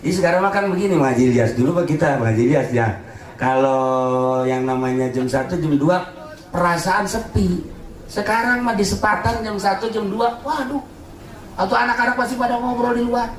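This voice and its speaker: A man giving a humorous Islamic sermon as a preacher, swinging between low solemn warnings and high joking asides. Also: steady tone, a little fast. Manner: jokey, mimics congregation members, swings from low solemn to high laughing. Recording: echoey hall.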